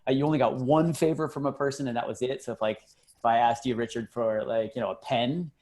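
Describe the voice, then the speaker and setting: A man joins a panel over a video call and talks in a casual, joking way. He tells his story with energy and pauses for laughs. His pitch sits in the middle. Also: fairly even intonation, darkish tone.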